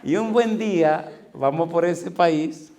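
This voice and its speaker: A middle-aged male pastor preaching a sermon, telling a story with lively acted-out dialogue and sound effects. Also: fairly high pitch, slow. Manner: animated, acts out dialogue and makes sound effects.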